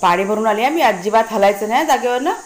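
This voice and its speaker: A woman's voice: a little high, expressive, fast, soft background music. A woman host with a Konkan Marathi accent, chatting casually in a village vlog, talking to her pets and her viewers outdoors.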